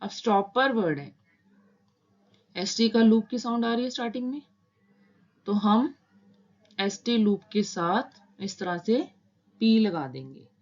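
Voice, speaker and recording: A woman's voice: a little high, lively intonation, slow, long pauses, a little mellow, lo-fi sound. A woman teaching a shorthand lesson step by step, patiently repeating each point and mixing English terms into Hindi as she explains while writing.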